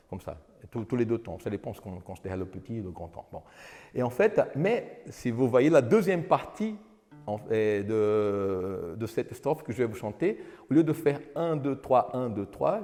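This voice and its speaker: A man's voice: mid-range voice, a little mellow. A man giving a lecture, explaining rhythm by counting beats, with frequent restarts, and now and then singing verses to illustrate. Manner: explains with counting and sung examples, many restarts. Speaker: lecturer and singer demonstrating cantoria. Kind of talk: lecture with sung guitar demonstration. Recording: lecture hall with long reverb, guitar.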